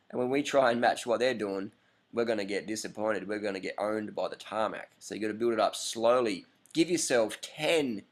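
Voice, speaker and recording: A man in his thirties talks straight to the camera in a casual monologue. He is blunt and animated, firing off rhetorical questions and pushing his point home. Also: fairly low pitch. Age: 30s. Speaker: vlogger. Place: lives in Bangkok.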